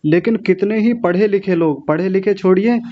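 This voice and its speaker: A man teaching Sanskrit pronunciation in an online class, correcting syllable by syllable and clearing his throat often. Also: high voice, dull audio, slight background noise. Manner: slow, deliberate syllable-by-syllable correction.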